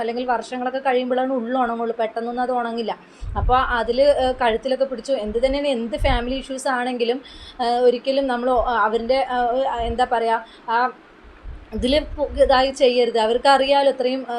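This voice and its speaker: Fast, flat-toned woman commentator. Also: fairly high pitch, a little hiss or hum, rough recording. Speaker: YouTube commentator. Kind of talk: commentary on another's video.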